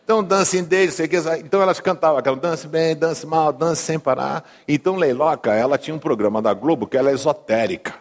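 Humorous Brazilian pastor preaching. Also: male voice, fairly high pitch, fast talker, few pauses. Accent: Brazilian Portuguese. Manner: humorous, conversational, asks the congregation. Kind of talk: sermon with storytelling. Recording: long hall reverb.

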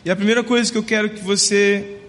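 Earnest pastor preaching in a reverberant hall. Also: male voice, high voice, fairly even intonation. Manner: storytelling, gentle and earnest, slowing down for emphasis. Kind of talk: sermon. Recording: long reverb of a large hall.

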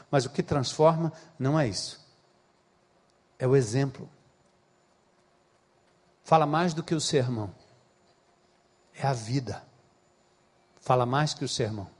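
Pastor guy preaching, fairly high voice, asks the crowd stuff directly. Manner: emphatic, swinging from loud to soft; asks the listeners direct questions. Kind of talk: sermon.

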